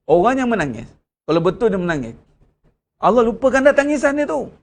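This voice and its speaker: High-voiced Malaysian man preaching. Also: sing-song, a little fast. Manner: conversational preaching with rhetorical questions. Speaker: religious teacher. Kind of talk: Ramadan religious lecture.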